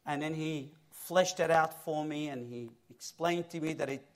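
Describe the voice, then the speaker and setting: Man from Egypt, guest preacher, slightly high voice, lively self-mocking testimony on a church stage mic. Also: normal speed. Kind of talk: personal testimony in a church interview. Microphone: own stage mic.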